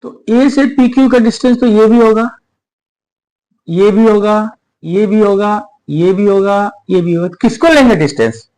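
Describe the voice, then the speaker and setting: A man's voice: high-pitched, measured pace, a little mellow, low-quality recording. A man teaching a school maths lesson at a board, explaining step by step and asking his students questions as he goes.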